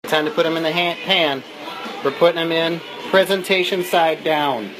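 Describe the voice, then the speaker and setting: A man's voice: a little high, moderate pace, music in the background, rough recording. A man giving a casual, playful cooking demonstration in a home kitchen, loose and tipsy, swearing freely as he talks. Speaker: home cook hosting a cooking video.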